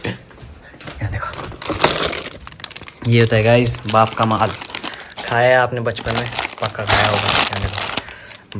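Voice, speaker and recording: A man's voice: on the low side, background noise. A young man chatting casually to his viewers in a home vlog, teasing and talking straight to them. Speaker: family vlogger. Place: family home. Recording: loud crickets chirping behind.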